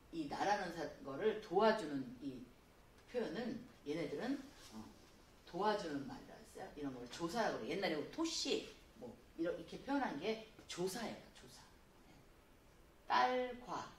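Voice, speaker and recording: A woman teaches a spelling lesson, her pitch rising and falling a great deal as she explains patiently. She reads her examples slowly. Her voice comes from a distance in an echoey room. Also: sing-song, slight background noise. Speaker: Korean spelling instructor. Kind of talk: classroom lecture.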